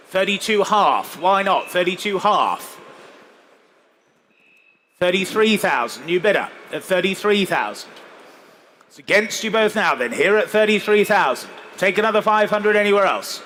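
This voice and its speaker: A man's voice: high voice, pushed and bright. A man working as an auctioneer, calling live bids in a polished, courteous, coaxing patter and repeating the figures. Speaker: classic car auctioneer. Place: large indoor show hall, live saleroom. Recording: noisy auction hall ambience.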